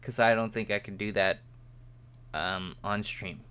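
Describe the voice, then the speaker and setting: A man's voice: a little slow, sharp tone, clear, resonant tone. A young man streaming live, rambling and joking at himself as he talks to his viewers while he models in 3D. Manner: yawning, low-key late evening.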